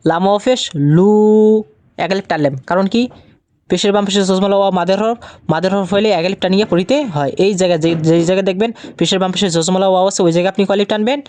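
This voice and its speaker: A man teaching Quran reading, patiently asking questions and answering them himself, and slowing to a drawn-out chant when he recites verses. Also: high-pitched, darkish tone, clear, resonant tone, no room sound. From Bangladesh. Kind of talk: recorded Quran recitation lesson.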